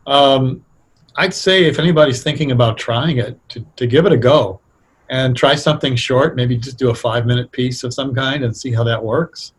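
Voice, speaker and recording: A middle-aged or older man who writes radio drama appears as an interview guest, speaking casually and explaining things in a reflective, hesitant way. His voice is medium-pitched with a breathy edge, and he talks at a moderate pace.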